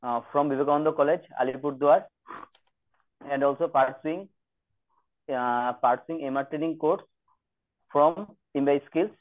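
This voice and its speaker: A man's voice: fairly high pitch, fairly even intonation, very slow, pauses often. A hesitant man introducing himself in English. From West Bengal, India. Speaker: trainee. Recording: tinny phone-line audio.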